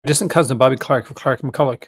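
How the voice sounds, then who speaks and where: A man's voice: medium pitch, fast talker, husky. A man with a Newfoundland accent chatting casually and off the cuff as a vlog host, folksy and enthusiastic. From Newfoundland, Canada. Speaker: host of a movie-collecting vlog. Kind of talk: casual unscripted chat.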